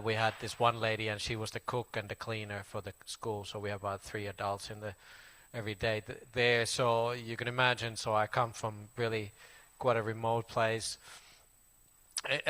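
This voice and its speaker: A man in his forties from Finland with a Finnish accent, a Buddhist monk casually introducing himself in halting English full of fillers and restarts. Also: medium pitch, sharp tone, clean tone. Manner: halting, many fillers and restarts, plain friendly telling. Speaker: Buddhist monk giving a talk. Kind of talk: casual spoken self-introduction.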